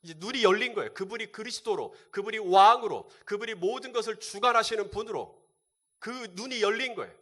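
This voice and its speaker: A man's voice: high voice, lively intonation, fairly quick, pushed and bright. A male pastor delivering a sermon, asking the congregation rhetorical questions and answering them.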